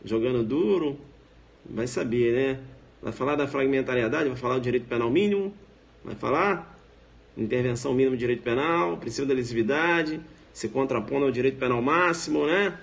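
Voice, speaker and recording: A man with a Brazilian accent, a law professor giving a casual live online lecture in a slangy, playful way, often tagging his sentences with quick questions. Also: medium pitch, vocal fry.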